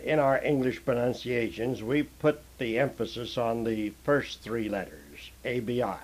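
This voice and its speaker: An older man giving a taped Bible lesson as a teacher, measured and deliberate, pausing often on "uh". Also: medium pitch, a little mellow, low-quality recording. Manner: measured, deliberate preaching with frequent "uh" pauses.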